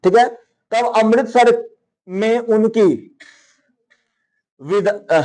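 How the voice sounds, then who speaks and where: A man's voice: high-pitched, steady tone, extremely slow, darkish tone. A young man, explaining a story to students in a conversational way, often repeating and rephrasing. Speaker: teacher.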